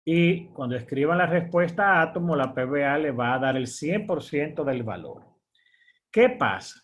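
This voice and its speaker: A man with a slightly high voice teaches an online course through a screen-share tutorial. He explains things step by step, using fillers and frequently checking in with "verdad?".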